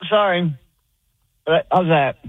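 A man's voice: on the high side, slow pace, dry recording. A man calling in to a radio show, his phone line cutting in and out so his words drop away mid-phrase. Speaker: caller. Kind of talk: call-in radio chat. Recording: tinny breaking-up phone line.

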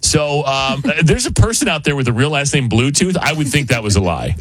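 A man hosting a morning radio show in casual banter, with a nasal, pinched-nose voice and an excitable, self-deprecating, ranting manner. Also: a little high, brisk, no room sound. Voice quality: nasal, sounds like plugging his nose.

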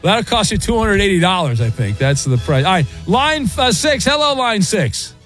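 A man hosting late-night sports talk radio with a smooth radio host delivery, joking quickly with callers. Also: high-pitched, big pitch swings, fairly bright tone, soft background music. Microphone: studio microphone.

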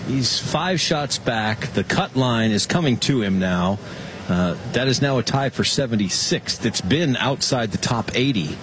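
A man's voice: medium pitch, lively intonation, measured pace, a bit bright, slight background noise. A man hosting a live golf broadcast as commentator, reading out scores and handing over like an announcer.

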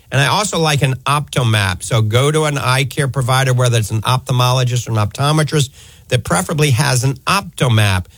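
This man, an eye doctor and radio host from the New Orleans area of the United States, fields a live health call-in show, explaining fluently and emphatically on a close studio mic. His mid-range voice is a little bright, with no room sound.

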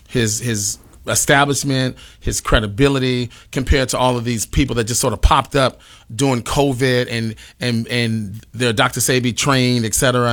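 A man's voice: mid-range voice, fairly bright tone. A man hosting an interview, asking long, rambling questions with many repeated words and restarts. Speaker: interview host.

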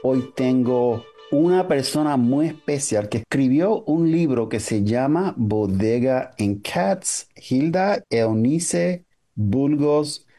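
Mellow-voiced man hosting a radio show. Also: medium pitch, lively intonation, takes it slowly, soft background music. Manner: chatty, mixes in English phrases. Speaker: radio host. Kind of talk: radio interview.

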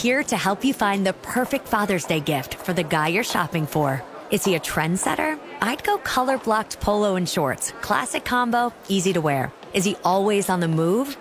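A woman reading a scripted shopping advertisement in a friendly, upbeat tone. Faint noise sits behind her voice. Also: medium pitch. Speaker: retail ad presenter.

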